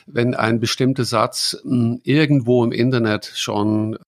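A middle-aged man with a Dutch accent talks things through in a relaxed, halting way. He fills his pauses with ums and ahs. His voice sits in an ordinary middle pitch. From Netherlands. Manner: thoughtful, halting, many fillers. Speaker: guest expert. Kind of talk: casual explanatory chat.

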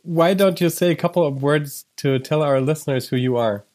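A native German speaker hosts a ministry podcast, his voice on the high side with a darkish tone and a moderate pace. He reads an upbeat scripted introduction, then moves into a chat with his guest.

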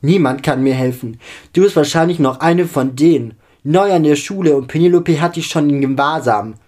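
A man's voice: mid-range voice, measured pace, a little mellow, natural voice. A man voicing a distraught young schoolgirl who sniffles, stutters and panics in a storybook reading. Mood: desperate.

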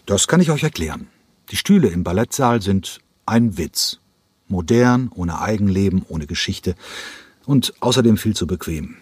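A man's voice: on the low side, expressive, moderate pace, a little mellow, husky, dry recording. A man reading an audiobook, voicing a driven male ballet director who talks in a pressing, emphatic, impatient way. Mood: playful, explaining.

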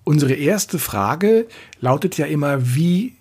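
A man hosting a podcast, who welcomes his guest and asks measured, polite questions. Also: fairly high pitch, expressive, darkish tone, slightly rough. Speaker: podcast host. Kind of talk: podcast interview.

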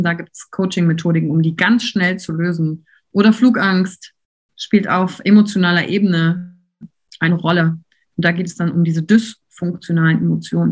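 A woman giving a university lecture in a lively, conversational way, putting questions to her audience in the room. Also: fairly low pitch. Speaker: university lecturer on coaching and leadership.

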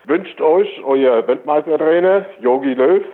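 A man on a landline phone call, relaxed and playing along with the caller. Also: a little high, a little slow. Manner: relaxed, plays along with the bit. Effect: over a landline phone. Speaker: prank call target. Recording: tinny phone line.

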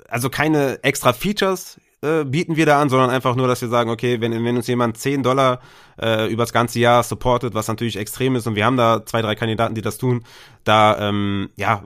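A man's voice: medium pitch, fairly bright tone. Casual, chatty man co-hosting a podcast. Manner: loose and colloquial, many fillers and restarts. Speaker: podcast co-host.

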